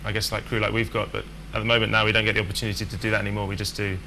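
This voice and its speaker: A sailing skipper from England chatting casually in an interview, relaxed and full of fillers and restarts. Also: male voice, lowish voice, rapid-fire, vocal fry, slight background noise.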